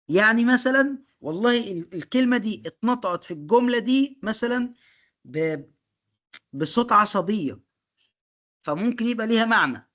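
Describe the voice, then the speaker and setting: A man's voice: sits high, a bit bright. Male instructor, Egyptian Arabic accent, live online lecture, explains by rhetorical questions, mixes in English terms. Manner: explains by rhetorical questions and keeps checking "okay?"; mixes English technical terms into his sentences. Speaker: course instructor.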